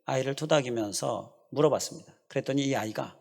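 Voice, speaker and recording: A man, a pastor, preaching a sermon, swinging between loud emphatic phrases and hushed storytelling, then leading a prayer. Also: medium pitch, quick pace, gravelly. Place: church sanctuary. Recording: long church reverb.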